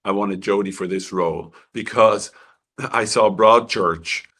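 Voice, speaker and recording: A Swiss film director answers interview questions haltingly, restarting often and clearing his throat as his voice goes. His voice is lowish with a fairly bright tone.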